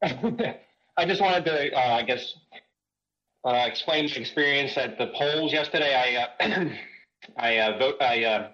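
A man's voice: medium pitch, a little slow, bright, forceful tone. A man calling in to a talk show, his voice sounding like it passes through a voice modulator over a headset line. He talks hesitantly and chuckles between words. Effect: sounds like talking through a voice modulator. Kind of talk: phone-in chat. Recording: muffled headset call line.

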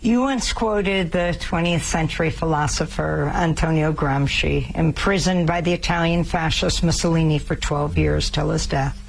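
An interviewer asking pointed, deliberate questions and reading out quotes. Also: mid-range voice, fairly even intonation, vocal fry, poor audio.

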